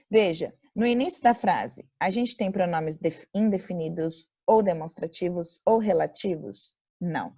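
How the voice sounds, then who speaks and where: A woman's voice: lowish voice, mellow. Brazilian woman teaching grammar over video call. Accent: Brazilian Portuguese. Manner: slows to dictate examples, quizzes the class. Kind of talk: online grammar lecture.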